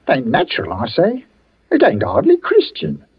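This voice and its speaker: An actor playing a superstitious working-class village greengrocer, deferential and folksy, in 1940s radio drama. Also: male voice, fairly high pitch, wildly swooping pitch, moderate pace, vocal fry, husky, heavily acted. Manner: folksy, deferential, dropped grammar. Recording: dull old radio broadcast.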